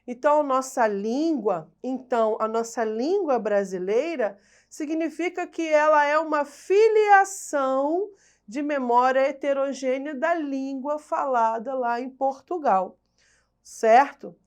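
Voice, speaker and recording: A woman's voice: sits high, expressive, slow pace. A woman from Brazil teaching a recorded online language class. She explains step by step, asks rhetorical questions and answers them herself, checks in with "tá?", and corrects herself over hard words.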